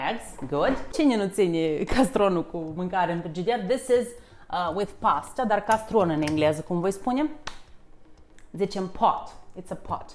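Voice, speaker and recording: A woman's voice: mid-range voice, a little hiss or hum. Playful woman teaching in her kitchen. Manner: lively, playful, switches between two languages. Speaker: English teacher. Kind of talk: casual bilingual lesson. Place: home kitchen.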